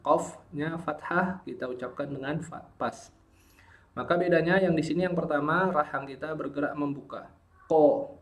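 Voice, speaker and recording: A man teaching Quran pronunciation, patiently modelling syllables again and again. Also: fairly high pitch. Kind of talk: pronunciation lesson.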